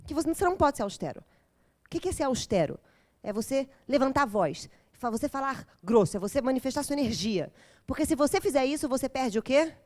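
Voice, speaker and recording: A woman's voice: high-pitched, lively intonation, fast talker, darkish tone. A woman giving an intense, dramatic talk at a parents' course, quizzing her audience as she goes. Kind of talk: lecture to a live group.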